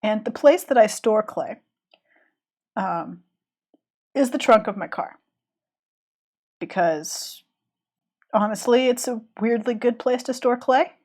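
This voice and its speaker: A woman's voice: fairly high pitch, slow, long pauses, a little mellow. A woman with a cold, chatting casually and rambling with restarts while she draws on a live stream. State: has a cold. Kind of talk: casual chat while drawing.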